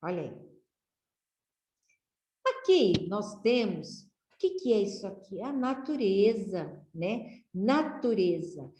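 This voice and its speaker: Woman, Brazilian accent, teacher, children's reading lesson, lively sing-song pitch, echoey room. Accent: Brazilian Portuguese. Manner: slow, sing-song reading aloud with rising exclamations.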